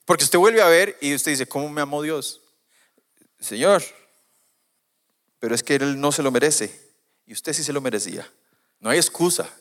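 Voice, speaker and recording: A man preaching a sermon, animated, moving from quiet asides to loud emphatic points. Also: on the high side, a little fast.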